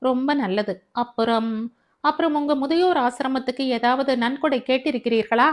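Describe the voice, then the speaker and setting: A calm, stubborn young man in a family audio story, asking pointed questions in a cool, dry way, as a woman reads him. The voice sits fairly high and even. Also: moderate pace, close to an everyday voice.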